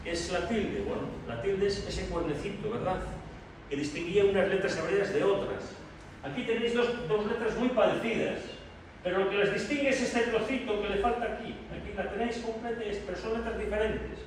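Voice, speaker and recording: A man from preaching an expository sermon to a congregation, emphatic and slowing down to stress key phrases, calling them brothers. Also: high voice. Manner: addresses the congregation directly as brothers. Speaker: pastor. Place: church hall. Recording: echoey hall from far off, faint noise.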